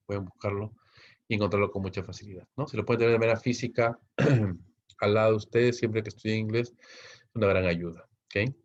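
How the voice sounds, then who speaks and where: A man's voice: on the low side, dull audio. A man teaching an English grammar class, explaining step by step and checking in with the students after nearly every line. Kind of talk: online class lecture.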